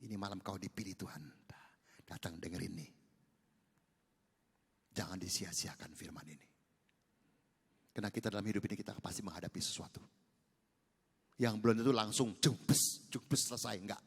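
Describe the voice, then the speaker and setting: A middle-aged male pastor preaching a sermon, animated, moving from hushed asides to loud exhortation. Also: sits low, normal speed, long pauses, slightly rough. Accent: Indonesian. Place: large church hall. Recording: long church reverb.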